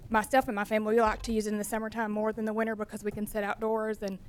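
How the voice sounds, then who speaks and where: A woman whose voice is going speaks at a city council meeting. Her delivery stays flat in pitch but earnest, pushing louder in bursts. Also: racing. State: losing her voice. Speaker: foundation board member giving public comment. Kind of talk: public comment at council meeting.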